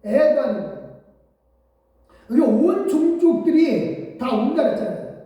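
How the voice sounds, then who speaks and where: A woman pastor giving an animated sermon in a church, acting out the voices of the people in the scripture as she preaches. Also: high-pitched, unhurried, dull audio. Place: church sanctuary. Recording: echoey hall, voice from far off.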